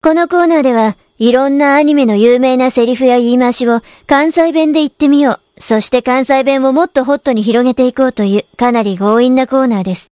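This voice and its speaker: A bossy, teasing young woman instructor with a Kansai accent, played by a woman. Her voice is high and bright, recorded dry and close. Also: dry recording, lightly acted. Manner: brisk, teasing, commanding.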